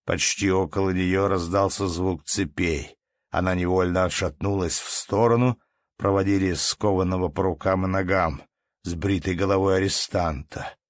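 A man narrating a literary audiobook in a measured, even storytelling manner. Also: deep voice, no echo.

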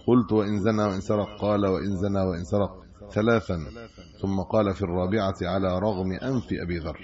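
A man's voice: low-pitched, fairly even intonation, fast talker, darkish tone. A middle-aged man with an Egyptian accent, a sheikh teaching hadith commentary, who reads the texts aloud and then explains them in colloquial asides. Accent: Egyptian Arabic. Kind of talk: religious lesson reading and explaining hadith. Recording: dull lo-fi lecture recording.

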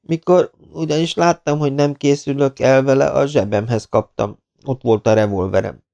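A man's voice: mid-range voice, steady tone, vocal fry, warm tone, muffled recording, voice pushed up, natural voice. A man voicing a beaten young man who pleads and groans as he tells what happened, in an audiobook reading. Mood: recounting. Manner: breathless, pleading.

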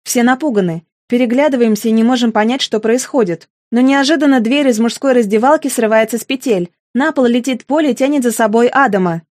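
A woman narrating a first-person audiobook with an expressive delivery. Her voice sits slightly high. The recording is dry and close. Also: fairly quick, hardly any pauses, no room sound. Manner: expressive reading.

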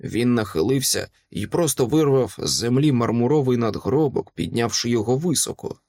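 A man narrating an action-filled audiobook in the first person, vivid and dramatic. His voice sits at a middle pitch, recorded close and dry with no room sound. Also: animated, moderate pace, a little mellow, no echo.

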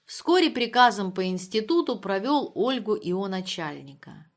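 A woman reading literary prose as an audiobook narrator, measured and subdued. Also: mid-range voice, big pitch swings.

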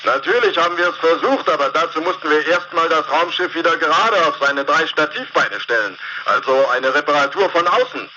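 Stranded spaceship captain, sci-fi radio communicator, a bit high voice, matter-of-fact, dull lo-fi, hissy. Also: male voice, animated, fairly quick, hardly any pauses, bright, forceful tone. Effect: sci-fi radio communicator transmission. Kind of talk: radio play acting. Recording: dull lo-fi sound with clear hiss.

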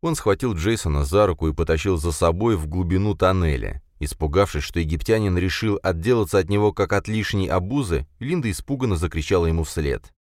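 A man narrating a thriller audiobook in an expressive, tense reading. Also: sits low, fairly quick, hardly any pauses, no room sound, clean studio sound.

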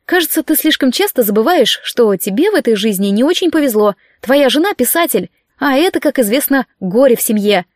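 Woman doing a young mage husband, weary, teasing, deadpan, slightly high, dry recording. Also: fairly quick, few pauses, no echo. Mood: wry.

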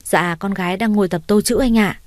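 A gentle young mother in an audio story, soft-spoken and deferential. A woman voices her in her own tone. The recording is dry and close, with no room sound. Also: medium pitch, a little fast, no echo, close to an everyday voice.

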